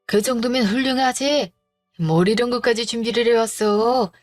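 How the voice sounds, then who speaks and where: Casting: gruff, scolding old father-in-law, read by a woman, faint music behind. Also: on the high side, moderate pace, close to an everyday voice. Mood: pleased. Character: stern grumpy older father-in-law.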